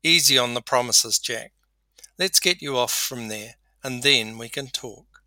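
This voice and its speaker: A man voicing God as a calm, patient male presence who speaks plainly and firmly. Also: medium pitch, measured pace, dry recording. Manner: calm and matter-of-fact.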